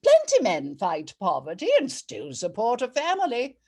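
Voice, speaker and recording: A woman voices a regal, righteous female judge of a bawdy court, theatrically declaiming a rhyming comic poem and savouring every rhyme in a commanding mood. Her voice is a little high with huge pitch swings, a breathy edge, and an exaggerated delivery at normal speed.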